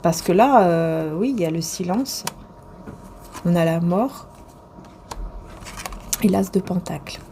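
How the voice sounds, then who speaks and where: A woman talks straight to the viewer through a tarot reading, stopping often to hesitate and restart. Her voice is warm and mellow. A faint hiss sits under the recording. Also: fairly low pitch, lively intonation, slow pace, pauses often. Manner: rambling and hesitant, full of fillers and restarts. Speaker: tarot and oracle card reader.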